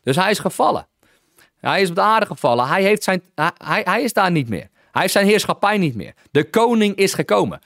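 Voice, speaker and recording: A man's voice: high-pitched, sing-song, a little fast, fairly bright tone, no room sound, studio quality. A man preaching an exuberant teaching sermon, often calling out halleluja and slipping in English phrases.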